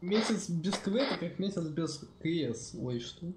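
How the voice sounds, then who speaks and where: A man's voice: fairly high pitch, expressive, normal speed, darkish tone. A young man bantering casually in a game voice chat, swearing heavily. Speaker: gamer in a team. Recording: roomy echo with background noise.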